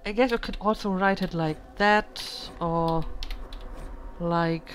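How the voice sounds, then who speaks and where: A woman hosting a casual let's play, musing out loud in a thoughtful, hesitant way with lots of ums, recorded at home. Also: on the low side, slow, a little hiss or hum. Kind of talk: casual gaming commentary.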